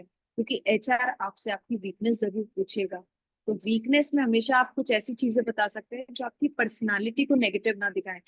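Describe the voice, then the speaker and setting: Woman trainer, fairly high voice, dry close sound, answers students by name, mixes in english phrases. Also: dry recording, poor audio. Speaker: communication skills trainer. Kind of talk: online class lecture.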